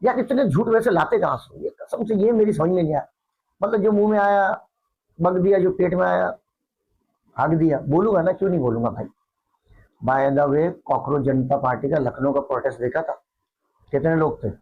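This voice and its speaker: A man's voice: fairly high pitch, moderate pace, narrow, tinny audio. A middle-aged man delivering a sarcastic, taunting political monologue straight to his viewers. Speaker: political commentator. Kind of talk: mocking monologue to camera.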